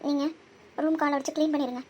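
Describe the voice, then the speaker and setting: Woman as secretive young daughter in a cartoon, high voice, hesitant and evasive. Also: steady tone, fast talker, mellow, a little hiss or hum, natural voice. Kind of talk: cartoon voice acting.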